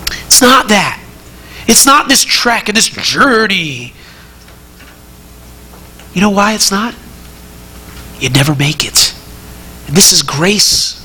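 A man preaching a sermon to his congregation, earnest and conversational, often repeating words as he builds to emphatic high peaks. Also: sing-song, slow pace, long pauses, sharp tone, a little hiss or hum. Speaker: pastor.

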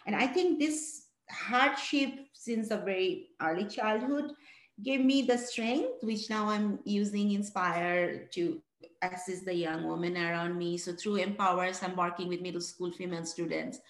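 A woman's voice: mid-range voice, unhurried. Woman from Bangladesh in an echoey room. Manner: earnest, reflective, with many restarts and fillers. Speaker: guest, founder of a mentoring program. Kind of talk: interview answers. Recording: roomy echo.

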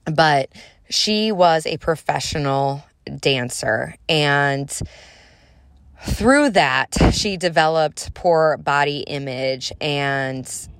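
A woman's voice: sits low, very slow, clear, resonant tone, dry recording. A woman in her thirties hosting a solo podcast, talking casually in an upbeat, chatty and encouraging way. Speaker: podcast host and motivational speaker.

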